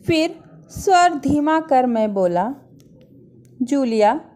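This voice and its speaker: A woman's voice: high-pitched, animated, takes it slowly, a little mellow. A woman teacher reading a story aloud to her class, acting out the dialogue and then retelling it in simple words. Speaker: school teacher. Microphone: online class recording.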